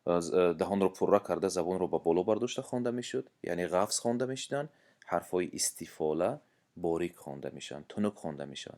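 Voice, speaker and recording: A man with a Tajik accent teaches at a patient, unhurried pace, pausing on fillers as he explains. His low voice is smooth and clear, and he stretches the recited passages into long, melodic lines. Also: darkish tone. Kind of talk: explaining a lesson with chanted recitation.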